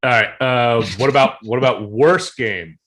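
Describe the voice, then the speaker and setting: A man's voice: mid-range voice, normal speed, a crowd in the background. A man co-hosting a gaming podcast, easygoing and teasing as he steers the chat. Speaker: podcast co-host.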